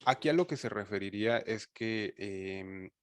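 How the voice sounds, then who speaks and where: A man with a fairly low voice teaches over a video call, talking in a loose conversational way full of fillers and restarts. The sound is dry and close, with no room around it. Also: normal speed, no room sound. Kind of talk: online class explanation.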